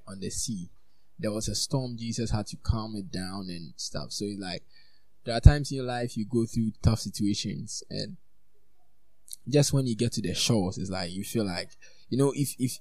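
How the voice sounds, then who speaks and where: Male preacher, low and mellow, dry close sound, chatty sermon delivery. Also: dry recording, rough recording. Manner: conversational, reflective, with asides. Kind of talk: sermon with scripture reading.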